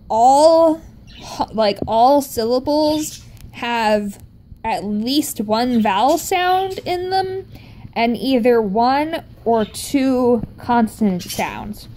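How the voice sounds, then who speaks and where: A woman's voice: on the high side, a little mellow. A woman vlogging in a casual, rambling way, often breaking off mid-sentence as she explains Korean writing. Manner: rambling, self-interrupting, chatty.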